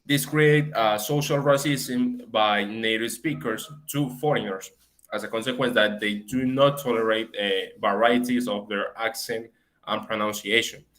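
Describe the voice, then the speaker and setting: A young man giving a class presentation, pausing often with fillers as he reads. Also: lowish voice, steady tone, fairly bright tone, rough recording. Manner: hesitant, frequent fillers. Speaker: student presenter.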